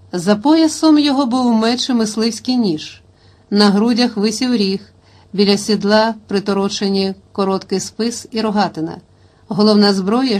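A woman reading a historical novel aloud as an audiobook narrator, in steady, even storytelling. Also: medium pitch.

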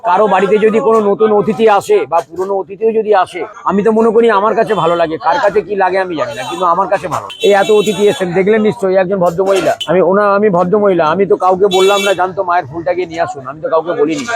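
High, fast-talking food seller. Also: male voice. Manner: devout, effusive, chants religious praises and rattles off dishes. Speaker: food stall owner. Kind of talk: casual chat while serving customers. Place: busy outdoor street food stall. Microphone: vlogger's handheld camera. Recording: noisy street crowd behind. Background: crowd chatter.

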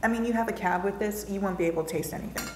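A woman who sells wine, talking through pairings in a thoughtful, measured way. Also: medium pitch. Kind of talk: casual chat over food and wine. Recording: echoey room, faint noise.

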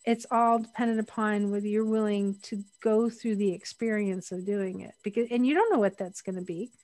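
A woman's voice: mid-range voice, brisk, darkish tone, no echo. A middle-aged woman, a guest on a podcast interview, speaking candidly and laughing often.

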